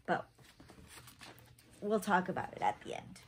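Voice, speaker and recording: Her voice is fairly low for a woman, with big pitch swings, a measured pace and a breathy edge. She's in her thirties, reading a picture book aloud to kids with feeling and asking them easy questions, in a small indoor room at home.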